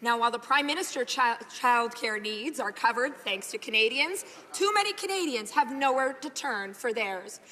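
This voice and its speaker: A woman's voice: on the high side, lively intonation, normal speed, few pauses, pushed and bright. A woman who is a member of parliament delivering a prepared, formal question in a legislative chamber. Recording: echoey hall, faint crowd.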